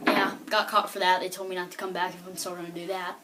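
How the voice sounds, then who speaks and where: A woman's voice: fairly low pitch, little pitch movement, quick pace, noisy background. A woman telling a rambling stand-up comedy story, full of filler words like "like" and "you know".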